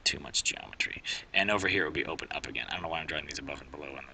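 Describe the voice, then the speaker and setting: A man's voice: extremely low pitch, rapid-fire, vocal fry, sharp tone, slight background noise, rough recording. A male math teacher explaining a graph in a casual recorded lesson, rambling, often correcting himself and thinking aloud.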